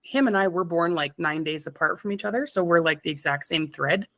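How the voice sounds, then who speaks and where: This thirty-something Canadian stone fabricator talks as a relaxed interview guest, wandering off topic and laughing frequently. She has a lowish, somewhat bright voice, speaks a little fast, and there's no room sound.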